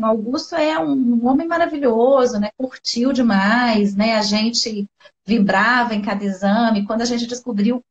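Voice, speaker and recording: A woman with a Brazilian Portuguese accent, a guest sharing a personal story with heartfelt emotion on a video call, often saying "né" and "sabe". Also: fairly high pitch. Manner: heartfelt, tearful at times, fills speech with "né" and "sabe". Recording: dull lo-fi live stream audio.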